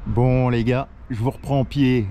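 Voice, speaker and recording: A French travel vlogger talks casually to an action camera mounted in his car on a road trip, playful, chatty, stuffy-nosed, and forever calling viewers "les loulous." His medium-pitched voice is steady, dark in tone, at normal speed, with slight background noise.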